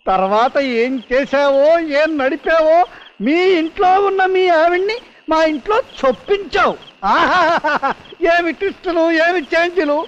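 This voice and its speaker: A man's voice: very high-pitched, lively intonation, moderate pace, fairly bright tone. An actor playing a mocking neighbour man who teases in a sing-song way, on dull old film audio. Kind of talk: 1990s film comedy acting.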